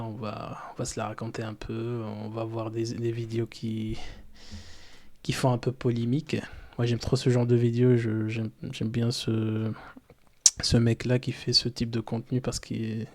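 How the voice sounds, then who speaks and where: A man streaming live in French, not his first language, chats loosely and haltingly, talking to himself as he sets up to react to videos. His voice is medium in pitch with a darkish tone.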